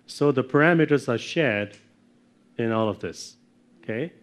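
A middle-aged man giving a technical lecture from slides, often checking in with "okay?" and clearing his throat. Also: medium pitch, animated, measured pace. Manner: explanatory, checks in with frequent "okay?". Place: darkened lecture room with projector screen.

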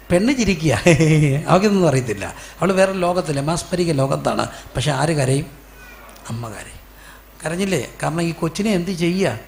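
A man's voice: a little high, creaky, a little hiss or hum. A man, a pastor preaching a storytelling sermon, quizzing the congregation with questions and acting out quoted voices.

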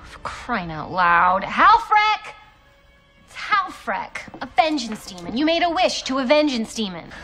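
An actress playing a blunt, excitable, easily exasperated bride-to-be with an American accent in a television drama-comedy. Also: female voice, on the high side, normal speed, over music.

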